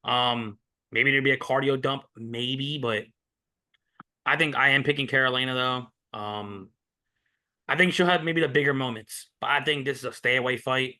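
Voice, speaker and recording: A man's voice: mid-range voice, normal speed, sharp tone. A man co-hosting a sports betting podcast, talking in a rambling, opinionated casual way. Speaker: podcast co-host.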